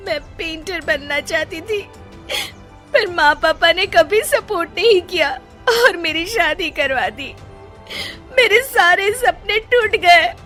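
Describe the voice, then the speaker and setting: A woman voicing an upset young bride in a cartoon story, speaking through tears. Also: heavily acted. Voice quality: high, tearful. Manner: sharp and defiant, then sobbing. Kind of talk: cartoon voice acting.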